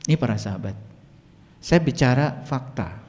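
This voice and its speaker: Animated male spiritual teacher, reverberant hall. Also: normal speed. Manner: animated, swinging between loud emphatic peaks and quiet low asides. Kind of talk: storytelling motivational talk.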